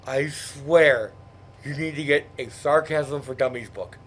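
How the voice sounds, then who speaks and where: A man with a mid-range voice, speaking a little slowly, co-hosts a comedy show and reacts to the script's plot with exasperated mockery. It's comedic banter, with slight noise in the background.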